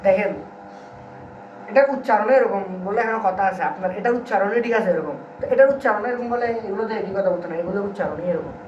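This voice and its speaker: A man's voice: sits high, fast. A man teaches a grammar class, keeps firing questions at his students and drilling answers back. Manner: keeps quizzing students, call-and-response drilling. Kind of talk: classroom lecture. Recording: roomy, distant, dull and slightly noisy.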